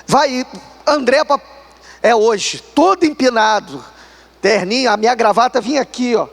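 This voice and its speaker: A man with a Brazilian accent preaching a sermon, telling a personal story with animated delivery and often calling the listeners brother. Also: very high-pitched, moderate pace, gravelly. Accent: Brazilian Portuguese. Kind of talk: sermon testimony.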